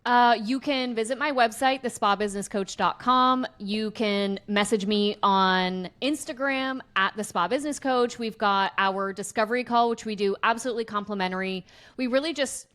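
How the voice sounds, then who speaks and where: A woman speaking as a podcast guest with a slightly higher voice. She explains her coaching advice in an upbeat, conversational way. She often acts out the lines a client or staff member might say. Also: moderate pace, fairly bright tone, clear, resonant tone. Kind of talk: casual interview chat.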